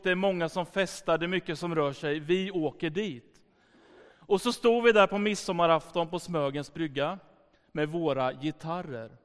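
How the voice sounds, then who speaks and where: Middle-aged male pastor, high smooth voice, storytelling sermon in a reverberant hall. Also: fairly bright tone.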